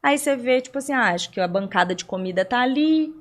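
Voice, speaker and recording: A young woman from Brazil talks as a guest in a podcast interview, her voice sitting on the higher side. She explains at length and keeps her listeners involved with rhetorical questions and everyday examples. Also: animated, fast talker.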